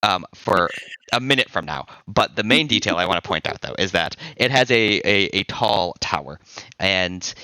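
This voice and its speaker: A man narrating as game master of a tabletop game, halting with many fillers and restarts. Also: deep voice, expressive, sharp tone, no echo.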